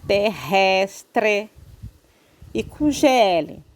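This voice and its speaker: A woman's voice: mid-range voice, lively intonation, extremely slow, a little hiss or hum. A woman teacher with a Brazilian accent, patiently explaining a grammar lesson to children and checking in often. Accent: Brazilian Portuguese. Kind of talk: online Portuguese lesson for children.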